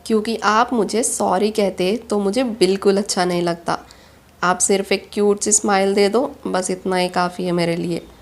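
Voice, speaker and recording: A woman's voice: medium pitch, fairly even intonation, moderate pace, lightly acted. A woman voicing a proud, hurt young female employee in a storybook reading, speaking in an indignant, reproachful way. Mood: shy.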